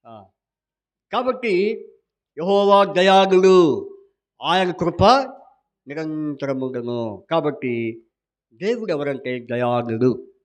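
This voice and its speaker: Pastor, male, higher-pitched; interactive sermon that quizzes and teases the congregation. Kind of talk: Sunday sermon with call-and-response. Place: church hall.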